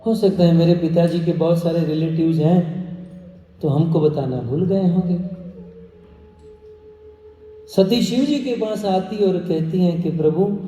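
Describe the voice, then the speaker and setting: A man preaching a sermon, telling a sacred story in an animated way and joking with the audience. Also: a little high, a little slow, long pauses. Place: large indoor sports stadium. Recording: echoey hall from far off.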